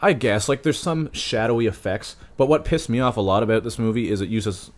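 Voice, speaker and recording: A man's voice: medium pitch, brisk. A young man ranting crudely about a movie in a casual chat with friends.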